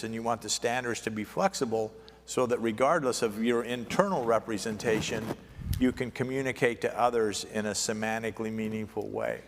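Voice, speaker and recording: A man moderating a conference panel, relaxed and often restarting his sentences. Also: medium pitch, a little hiss or hum. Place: conference hall. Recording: reverberant conference hall.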